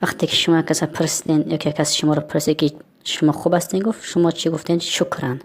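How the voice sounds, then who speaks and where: A woman with a Tajik accent and a notably low voice, teaching vocabulary. She says each word slowly, then explains what it means in a patient classroom manner. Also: little pitch movement. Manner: repeats words slowly, then glosses them. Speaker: lesson host and translator. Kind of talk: explaining vocabulary in a language lesson.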